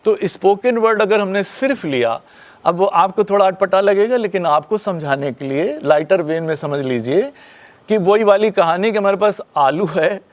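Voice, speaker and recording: An older man giving a classroom lecture at a media school, quizzing the students and acting out pauses and stress, and firmly telling them to put their phones away. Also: sits high, animated.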